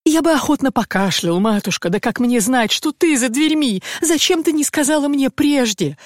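A woman's voice: high-pitched, expressive, normal speed, dry recording, studio quality, pitched above the performer's own voice. A woman voicing a fussy, evasive provincial landowner who grows flustered and meek.

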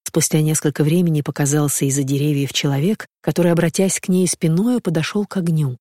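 Measured audiobook narrator, dry sound. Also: medium pitch, fairly even intonation, dark tone, no echo. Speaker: audiobook reader. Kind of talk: scripted literary narration.

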